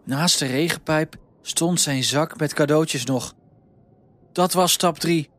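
A man reading a children's story aloud in a calm, lively storytelling manner. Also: fairly high pitch, slow.

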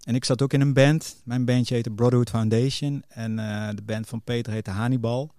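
A man's voice: medium pitch, steady tone, normal speed, mellow, no echo, studio quality. A middle-aged man chatting casually as a podcast guest, telling anecdotes about his working life. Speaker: podcast guest, music booker.

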